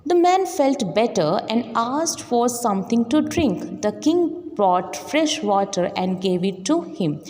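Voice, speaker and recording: A woman's voice: a little high, big pitch swings, takes it slowly, hardly any pauses, mellow, long reverb tail, slight background noise. A woman teacher who reads a story aloud and then patiently retells each line in simpler words for her students.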